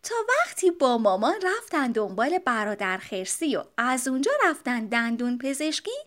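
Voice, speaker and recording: Lady reading a kids storybook, high voice, lively melodic narration. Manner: expressive and gently animated. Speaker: audiobook narrator.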